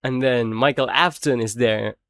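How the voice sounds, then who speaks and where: A man speaking English as a second language gives a casual, swear-filled rant, laughing as he goes. His voice sits at a medium pitch. It is close-miked in a dead, dry room with no echo. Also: a little slow. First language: not English. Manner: animated, swears often, laughs while talking. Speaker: video creator reviewing a film.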